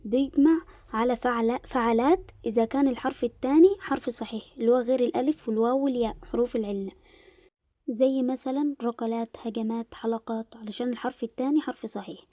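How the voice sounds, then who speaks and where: Teaching Arabic casually, a young Egyptian-accented woman explains the lesson and slows down to emphasize word pairs. Her slightly high voice has a warm tone, captured in a dry, studio-quality recording.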